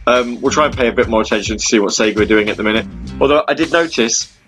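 A man's voice: mid-range voice, fast, a bit bright, faint music behind. A man in his thirties hosting an internet radio show, rambling chattily with lots of ums and restarts. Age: 30s. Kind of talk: casual chat.

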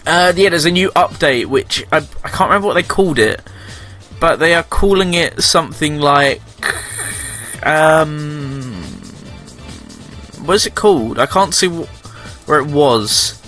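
A man with a bright, forceful, fairly high voice hosts a casual radio news roundup. He rambles, corrects himself mid-sentence and slips in dry sarcastic jokes. Faint music plays behind him. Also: a little slow. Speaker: radio show host.

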